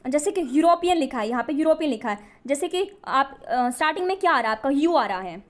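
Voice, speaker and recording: A woman's voice: high-pitched, expressive, quick pace. A woman runs a coaching lesson on grammar. She keeps asking her students questions and answering them herself, going back over each key point. She sounds like a patient, drilling teacher.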